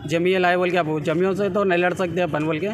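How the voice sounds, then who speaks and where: Speaking fast in a high voice with a Hyderabadi accent, a young man who was injured in an attack gives reporters an unplanned, eyewitness-style statement. He is insistent and keeps circling back, pressing listeners to hear him out, with fairly even intonation. Reporters hold handheld mics close while crowd bustle fills the street around them.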